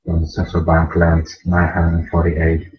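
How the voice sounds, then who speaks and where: A man's voice: low voice, monotone, measured pace. A man with an Eastern European accent explaining things step by step in a casual, conversational narration. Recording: dull lo-fi audio with music.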